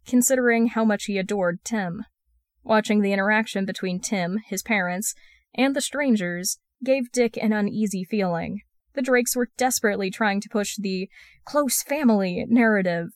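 A woman reading a fan fiction story aloud as a podfic, in an even storytelling read. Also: a little high, no echo, clean studio sound. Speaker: podfic reader.

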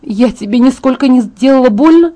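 Woman reader voicing a sharp-tongued angry teen girl, mellow dark tone, snappy delivery. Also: mid-range voice, moderate pace, close to an everyday voice. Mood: cold. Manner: hissing, snapping retorts.

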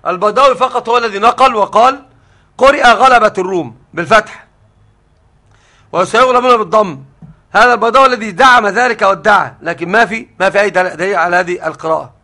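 A man's voice: high voice, fast talker, bright, forceful tone. A man teaching a scholarly religious lesson, explaining the text step by step. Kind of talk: scholarly lesson on Quran readings.

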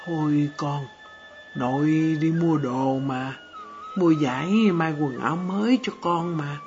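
A tender, worried old grandfather, put on by a woman reading a storybook, speaking in a low, unhurried voice. He talks softly, as if calming a small child. The audio is dull and lo-fi, with faint music underneath. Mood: soothing. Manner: soft, slow, soothing.

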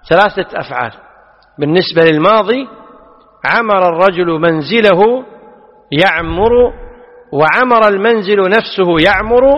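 A man teaching a lesson on a classical text, patiently explaining and putting questions to his students. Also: high voice. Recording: dull audio, long hall reverb.

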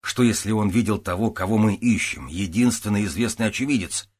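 A man's voice: on the low side, brisk, a little mellow, natural voice. A man voicing a weary, exasperated middle-aged police captain who barks orders and cuts in with sarcasm, read as an audiobook character. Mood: grating. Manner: stern, sarcastic, barking orders.

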